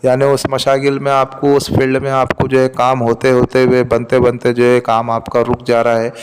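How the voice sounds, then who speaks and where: A man's voice: mid-range voice, completely flat delivery, moderate pace, in a large hall, noisy background. A man giving religious instruction on a spiritual remedy, explaining each step and repeating his points. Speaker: religious teacher.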